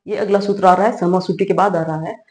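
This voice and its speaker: A woman's voice: lowish voice, steady tone, fairly quick, a little mellow, poor audio. A middle-aged woman teaching a grammar lesson. She explains step by step, asks questions and answers them herself, and checks in often with a short "all right". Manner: explains step by step with rhetorical questions, frequent "theek hai". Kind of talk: classroom lecture.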